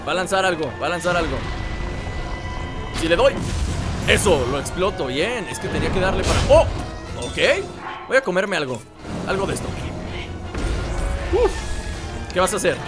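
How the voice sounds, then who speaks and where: A man with a Mexican accent commenting on a video game as he plays, joking and shouting at the screen. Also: high voice, animated, normal speed, pauses often. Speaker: gameplay host. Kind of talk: let's play commentary. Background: game music.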